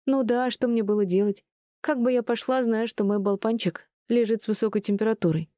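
A woman's voice: on the high side, brisk, mellow, no room sound, clean studio sound, voice pushed up, close to an everyday voice. A woman voicing a grandmother in her forties who speaks earnestly and apologetically, rattling on when flustered.

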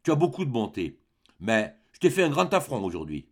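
A man's voice: medium pitch, big pitch swings, a little fast. A man voicing an earnest young peasant man who talks eagerly and insistently in an audiobook.

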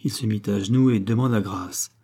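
A man reading a classic adventure novel aloud in a measured, dramatic narration. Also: on the low side, dark tone, husky. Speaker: audiobook reader.

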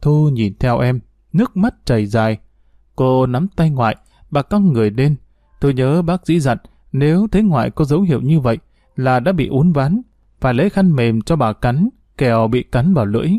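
Mellow male storybook narrator. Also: medium pitch, expressive, moderate pace, no room sound, clean studio sound.

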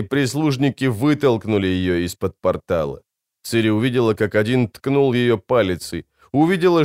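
Man narrating with lively pitch. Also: clear, resonant tone, no room sound, clean studio sound. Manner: vivid, expressive storytelling. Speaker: audiobook narrator. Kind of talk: scripted narration.

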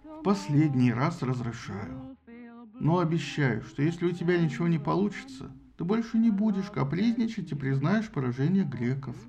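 A man's voice: a little high, expressive, moderate pace, vocal fry, darkish tone. A man voicing Zeus as a weary, indulgent father god who grumbles at his daughter in an audiobook. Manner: tired, grumbling.

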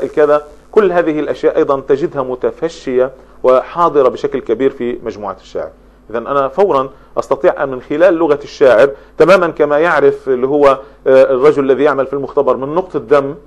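A man giving a spoken lecture on poetry, explaining step by step and running through long lists of examples. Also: medium pitch. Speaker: literature lecturer.

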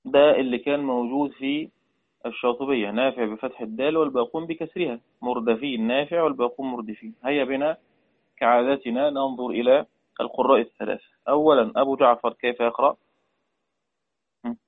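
A man with an Egyptian accent teaching Quran readings. He explains slowly, chants the quoted verses and puts questions to his pupils. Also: mid-range voice. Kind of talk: religious lesson. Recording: tinny phone-like audio.

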